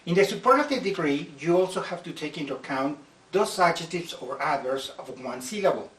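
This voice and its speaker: English teacher, roomy distant sound. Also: male voice, fairly high pitch, lively intonation, a bit bright. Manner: slow, careful explanations, stretching out example words. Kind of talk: slide-based grammar lesson.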